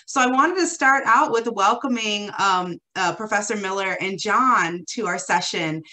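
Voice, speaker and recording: A woman moderating an online forum over a video call, warmly thanking one speaker and introducing the panelists. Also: mid-range voice, moderate pace. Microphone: webcam on a video call.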